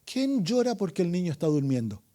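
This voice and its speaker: This high-pitched, very animated man speaks a little fast as he preaches an evangelistic sermon as pastor. He swings dramatically from loud calls to quiet asides, asks his congregation questions, and calls out for amens.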